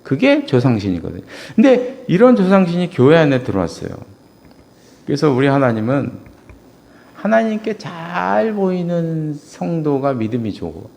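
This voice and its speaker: A middle-aged man delivers a sermon in a church sanctuary, his slightly high voice carrying a gravelly edge. He tells stories and acts out what people said, swinging between loud exclamations and quiet asides, with a very lively melody throughout. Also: normal speed. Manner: storytelling, acts out quoted dialogue. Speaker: pastor.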